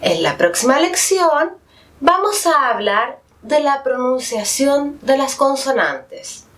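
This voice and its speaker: Slow, lively Chilean teacher woman. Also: high-pitched. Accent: Chilean Spanish. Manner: carefully enunciated, drawn-out example words. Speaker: Spanish teacher. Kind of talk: slow, clear pronunciation lesson.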